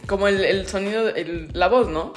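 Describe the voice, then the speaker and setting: A woman's voice: mid-range voice, moderate pace, soft background music. A woman with a Mexican accent co-hosting a podcast, chiming in with short remarks in casual chat. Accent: Mexican Spanish. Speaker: podcast co-host.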